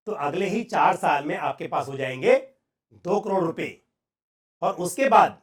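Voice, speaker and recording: A man with a high-pitched voice and an Indian accent presents a finance lesson. He explains step by step in a deliberate way, pausing for emphasis.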